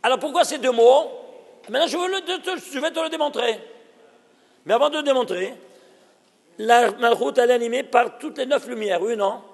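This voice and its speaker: High, gravelly rabbi teaching in a hall. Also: male voice, fairly quick. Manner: emphatic, fires rhetorical questions at listeners. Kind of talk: recorded Torah lesson.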